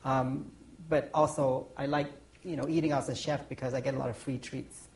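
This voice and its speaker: A man's voice: mid-range voice, level tone, normal speed, darkish tone, low-quality recording. A man in his forties from Thailand, a pastry chef answering on a panel, rambling with lots of ums and restarts. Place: conference stage.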